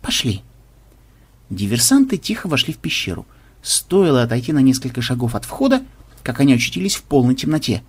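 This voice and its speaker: Expressive husky male narrator. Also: medium pitch, quick pace. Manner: expressive, dramatic reading. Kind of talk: audiobook narration.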